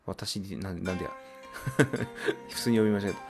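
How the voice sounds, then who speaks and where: A man playing a horror game and commenting in a relaxed, musing way, often muttering to himself. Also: sits low, normal speed, creaky, faint music behind. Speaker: let's-play host.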